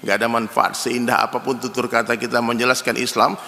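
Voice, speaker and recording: A man delivers a sermon with a gravelly, forceful voice. He tells stories in a lively way and keeps turning to speak straight to the men listening. His voice carries a long reverb, as if he were preaching in a spacious hall. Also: mid-range voice, fast talker. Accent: Indonesian. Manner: lively storytelling, addresses the men in the audience as "Pak".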